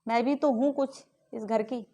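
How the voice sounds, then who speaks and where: Indignant high-voiced woman ranting. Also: fairly even intonation, normal speed, mellow. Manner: indignant, accusing, repeated rhetorical questions. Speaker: vlogger. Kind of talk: angry family-dispute rant to camera.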